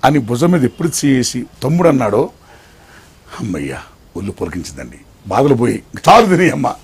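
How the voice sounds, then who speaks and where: An older man as an interview guest, telling his life story in an animated way, swinging between loud excitement and hushed tones. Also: medium pitch, a little fast, slightly rough.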